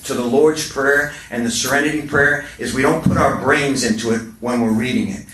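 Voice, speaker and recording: A man's voice: medium pitch, fairly bright tone, recorded from a distance, a little hiss or hum. A middle-aged man telling stories at a recovery meeting, passionate and humorous, repeating words for emphasis. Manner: passionate storytelling with repetitions and humor. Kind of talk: speaker share talk. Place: meeting hall. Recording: roomy echo from off-mic. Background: faint room ambience.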